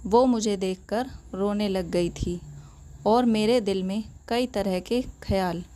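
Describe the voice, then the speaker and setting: A woman narrating a sad story in the first person, in a slow, emotional telling. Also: medium pitch, warm tone, a little hiss or hum.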